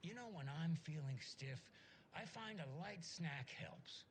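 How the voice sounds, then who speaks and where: An actor playing an upbeat, cheesy, folksy small-town radio host in a video game. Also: male voice, on the high side, animated, measured pace, slight background noise. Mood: chipper.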